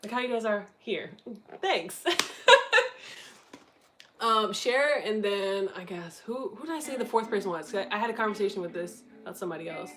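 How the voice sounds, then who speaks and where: A woman's voice: medium pitch, animated, moderate pace, poor audio. A young woman chatting casually with her stream viewers, candid and swearing freely, with frequent giggles. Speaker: streamer answering viewer chat. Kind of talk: casual livestream chat.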